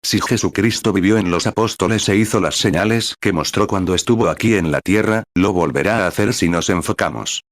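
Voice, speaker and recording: A man preaching a sermon in an earnest way, full of rhetorical questions and a measured delivery. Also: low-pitched, no echo, clean studio sound. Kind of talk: sermon read in translation.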